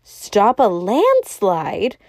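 A woman's voice: medium pitch, huge pitch swings, drawn-out words, darkish tone, no echo, clean studio sound, exaggerated voice. Woman doing a breathless zoo keeper. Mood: urgent. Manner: urgent, gasping.

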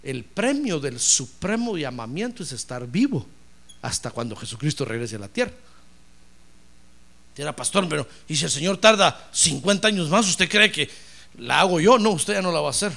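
Pastor guy preaching hard, gravelly voice, pitch swings all over. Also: big pitch swings, normal speed, pushed and bright. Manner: impassioned preaching, repeatedly addressing listeners as brother. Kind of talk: sermon.

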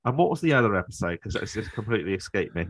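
A man's voice: fairly low pitch, sing-song, rapid-fire, no echo. A British man hosting a podcast, chatting casually in a rambling, conversational way. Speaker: podcast host. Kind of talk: casual chat.

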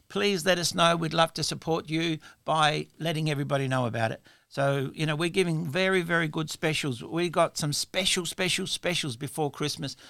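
A man's voice: fairly high pitch, vocal fry, a bit bright, dry recording. A talk radio host with a slightly raised voice, chatting on in a loose, upbeat, rambling way. His voice is recorded close and dry, with no room sound behind it.

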